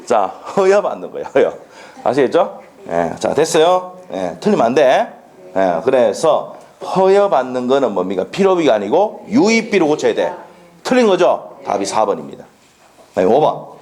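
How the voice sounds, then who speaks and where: Lively male law lecturer. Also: mid-range voice. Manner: animated, drills students with quick questions. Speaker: law exam instructor. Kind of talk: classroom lecture. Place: lecture classroom.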